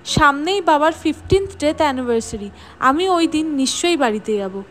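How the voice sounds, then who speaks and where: A woman's voice: high voice, expressive, normal speed. A woman reading as a reassuring young student.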